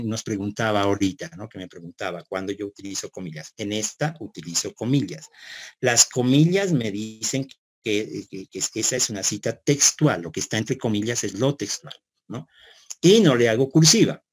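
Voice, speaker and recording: A man's voice: fairly low pitch, normal speed. A man lecturing a class, explaining step by step, repeating words, often checking with "¿no?", and putting questions to his students. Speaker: university lecturer.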